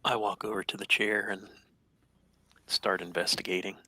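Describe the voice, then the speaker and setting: A man playing a tabletop horror game speaks bluntly, sometimes dropping to a whisper. His voice is gravelly and raspy, with a very sharp, cutting tone. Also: low-pitched, level tone, normal speed, no room sound. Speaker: player. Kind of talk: tabletop role-play.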